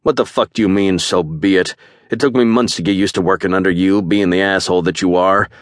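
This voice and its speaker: A man's voice: deep voice, fairly quick, no echo, studio quality, close to an everyday voice. A man voicing a brash, foul-mouthed male warrior who talks bluntly and cracks wise. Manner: wisecracking, blunt.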